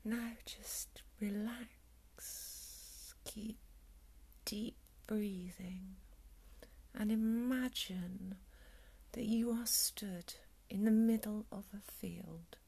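A woman with a soft, calm whisper, guiding a breathing meditation in a soothing ASMR style. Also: mid-range voice, drawn-out words, gravelly, pauses often, husky. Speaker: meditation guide.

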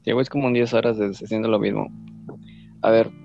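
A young man, chatting with friends on a call and teasing them with deadpan wisecracks. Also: fairly low pitch, fairly quick, vocal fry. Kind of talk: casual chat among friends on a call. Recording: dull lo-fi call audio. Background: guitar music.

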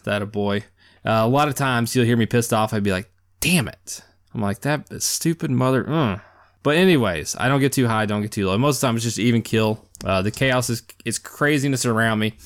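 A man in his thirties hosting a podcast, talking casually and rambling in an even-keeled, down-to-earth way with lots of fillers. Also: medium pitch, smooth. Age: 30s. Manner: laid-back, even-keeled, self-described down-to-earth; rambling with many fillers and restarts. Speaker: podcast host. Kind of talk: casual solo monologue.

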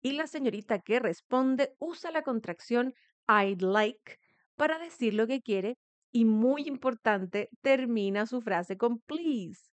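A woman, a native Spanish speaker, hosting a pronunciation lesson podcast and leading slow repetition drills. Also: fairly high pitch, a little mellow, dry recording. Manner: slow, clear, instructive, leads repetition drills. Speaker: English teacher, podcast host.

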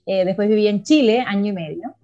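A woman's voice: medium pitch, lively intonation, fast, mellow, lo-fi sound, faint music behind. Chatty middle-aged woman guest. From Argentina. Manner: chatty, storytelling. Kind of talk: casual interview talk.

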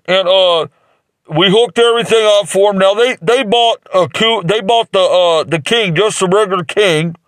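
A comic with a high voice plays a mattress salesman, improvising a rambling mock infomercial at normal speed. It's full of crude jokes and fillers, with no room sound in the recording.

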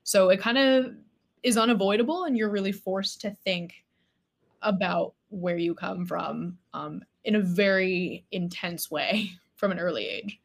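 Twenties woman from Florida, guest, mid-pitched, thoughtful, conversational. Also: measured pace, creaky. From Florida, United States. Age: 20s. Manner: thoughtful, conversational, with frequent fillers. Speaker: podcast guest. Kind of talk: casual interview.

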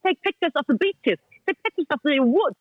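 A woman with a high-pitched, lively voice speaks briskly, with no echo, over a dull, muffled call line lacking any room sound. In casual chat and English with non-native grammar, she's blunt and forceful. Short commands get repeated again and again to drive each point home.

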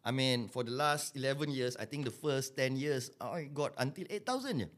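A man's voice: mid-range voice, lively intonation, fairly quick, fairly bright tone. A man with a Malaysian accent in a casual podcast chat, using colloquial Singlish-style English with bits of Malay and local particles.

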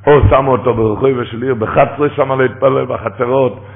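A man's voice: mid-range voice, fairly even intonation, creaky. A man preaching a fervent sermon, rising to emphatic cries. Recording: tinny phone-line radio broadcast.

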